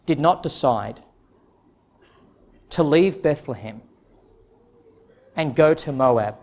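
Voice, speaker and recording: A man's voice: on the high side, darkish tone. A man preaching an expository sermon as a pastor, earnest and emphatic, putting direct questions to his listeners.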